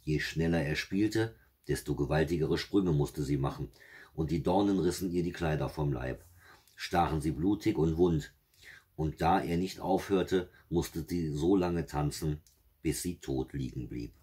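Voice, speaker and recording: A man with a husky voice reading a fairy tale aloud in a steady, measured way. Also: extremely low pitch. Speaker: storyteller.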